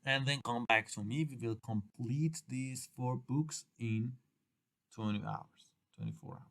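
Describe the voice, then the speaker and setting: The speaker is a middle-aged Iranian man lecturing at an English exam workshop, his Persian accent reflecting his native language. He talks in fits and starts, repeating phrases with uneven grammar, in a mid-range, creaky, fairly bright voice.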